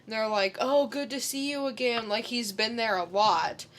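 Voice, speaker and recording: A woman co-hosts a podcast, chatting casually while reviewing films. Her voice is a little high and moves at a moderate pace.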